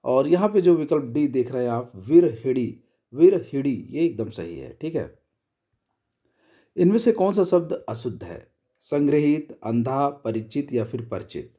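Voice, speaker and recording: A man with a very dark, mellow voice works through exam questions as a tutor. He explains each answer and then repeats the correct word, checking in often with short "okay"s. His pitch sits in an ordinary middle range. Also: big pitch swings, a little slow. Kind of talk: exam prep lesson.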